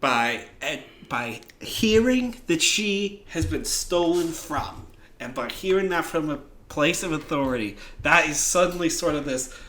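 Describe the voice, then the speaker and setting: A man's voice: a little high, lively intonation, a little slow, a bit bright, roomy sound. A man co-hosting a comedy podcast, talking playfully, laughing often and slipping into a showy announcer voice. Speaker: podcast co-host. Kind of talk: casual comedic chat.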